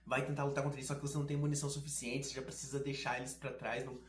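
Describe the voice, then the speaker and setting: A man's voice: medium pitch, racing. Sarcastic man in a roomy echo. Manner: sarcastic, slangy, animated. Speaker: gaming video host. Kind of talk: casual game commentary.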